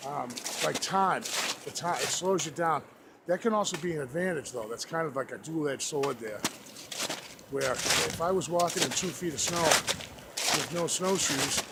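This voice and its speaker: A man talking casually to his vlog viewers, halting and rambling as he trudges through snow outdoors. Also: on the high side, creaky. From New England, United States. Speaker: outdoor vlogger. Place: outdoors on a snowy forest trail. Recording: noisy outdoor audio with clicks.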